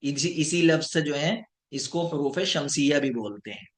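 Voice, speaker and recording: A man teaching an online lesson, slowly drawing out each example word and checking in with his students. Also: fairly high pitch, expressive. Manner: slow, deliberate, drawing out example words; checks in with students, addressed as sir. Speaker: Arabic teacher.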